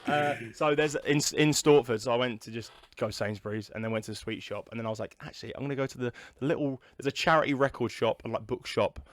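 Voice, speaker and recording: Brief: young male podcast co-host, mid pitch, dry close sound, loose rambling chat with swearing. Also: quick pace, few pauses, no echo. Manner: rambling, swears, lots of fillers. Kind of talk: casual chat. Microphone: video call recording.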